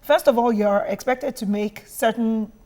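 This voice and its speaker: Measured woman giving her view. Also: a little high, a little mellow. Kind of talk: studio panel discussion.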